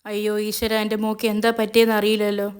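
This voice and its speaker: A frightened young mother pleading for help with her sick child, read by a woman storyteller. The voice is smooth and clear, and it stays fairly level in pitch. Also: completely flat delivery, quick pace, lightly acted. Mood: worried pleading. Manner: pleading, worried.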